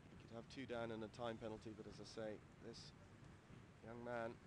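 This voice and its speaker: A man giving steady, informative commentary on an outdoor equestrian event. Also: on the low side. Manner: measured, informative, steady delivery. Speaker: lead commentator. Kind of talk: sports commentary. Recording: outdoor broadcast with crowd noise.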